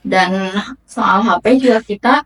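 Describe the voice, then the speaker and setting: A woman's voice: mid-range voice, measured pace, husky, distant mic, low-quality recording. Young woman trainee, plain talk. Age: 20s. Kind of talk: casual interview answers.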